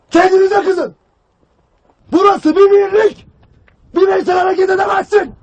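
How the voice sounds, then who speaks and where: A harsh army commander barks at his recruits in a strained, very high voice. He is stern and unforgiving, berating them from a war film drama. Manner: barking, harsh, shouts accusations at recruits.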